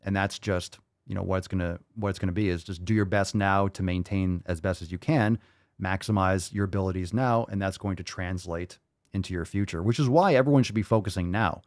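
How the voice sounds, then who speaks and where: A man in his late thirties with a very low voice hosts a live fitness Q&A. He answers viewers in a loose, thinking-aloud way, full of fillers and restarts. The sound is dry and close, with no room echo. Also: brisk, a little mellow. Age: 30s. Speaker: fitness podcast host answering questions. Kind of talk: livestream Q&A.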